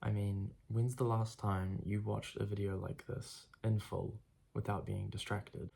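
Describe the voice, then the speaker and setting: A man's voice: lowish voice, flat delivery, unhurried, vocal fry, mellow, a little hiss or hum. A young man with a congested, stuffed-up voice gives a blunt, casual motivational talk straight to the camera, swearing freely. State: congested from a cold. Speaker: self-improvement vlogger.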